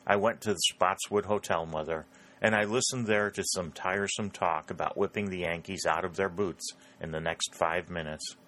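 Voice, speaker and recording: A man's voice: sits low, fairly even intonation, moderate pace, fairly bright tone, slight background noise. A man reading aloud, voicing a stern and honorable young male captain in a storybook reading. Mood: wry.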